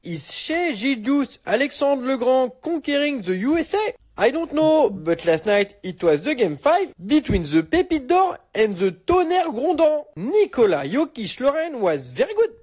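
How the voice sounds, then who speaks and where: A man's voice: extremely high pitch, big pitch swings, unhurried, few pauses, darkish tone, slightly rough, exaggerated voice. A man doing a French-accented mock sportscaster. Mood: mock-serious. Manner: mock sports recap, playful. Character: sportscaster speaking English with a thick French accent. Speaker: clip of an online video creator.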